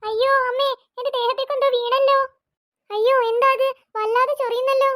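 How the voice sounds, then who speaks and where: A woman's voice: very high voice, steady tone, fairly quick, fairly bright tone, dry recording, studio quality, pitched above the performer's own voice. A woman voicing a frightened little cartoon girl who wails in panic. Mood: panicked. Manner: wailing, panicked.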